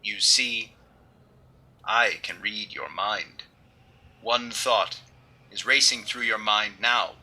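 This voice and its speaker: An actor playing an unseen, menacing, all-knowing vigilante with theatrical, ominous diction, in 1930s radio mystery style. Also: male voice, on the low side, slow, long pauses, bright, forceful tone, heavily acted. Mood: ominous, commanding.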